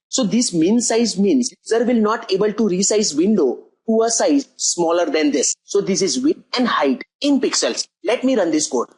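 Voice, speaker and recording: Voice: mid-range voice, a little mellow, slightly rough, poor audio. A coding tutor talking through a screen-recorded programming lesson step by step, often repeating "as you can see over here".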